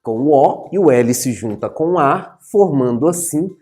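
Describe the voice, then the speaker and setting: A male teacher giving an animated writing and grammar lesson at a whiteboard, playfully addressing his students and stretching out key words as he explains. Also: medium pitch, moderate pace, faint music behind. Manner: animated, playfully addresses viewers as "senhores, senhoras e senhoritos". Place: in front of a whiteboard.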